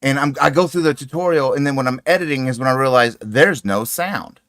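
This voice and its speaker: A man's voice: medium pitch, a little fast, no room sound, clean studio sound. Chatty man hosting a crochet livestream. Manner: chatty, greets viewers warmly, laughs often. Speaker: crochet channel host. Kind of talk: casual livestream chat. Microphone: desk microphone.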